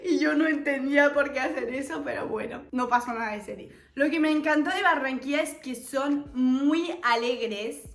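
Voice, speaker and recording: High-voiced chatty French woman vlogger. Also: normal speed, hardly any pauses, fairly bright tone. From France. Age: 20s. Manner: chatty, giggly, playful. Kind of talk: casual chat to camera. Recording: echoey room with faint music.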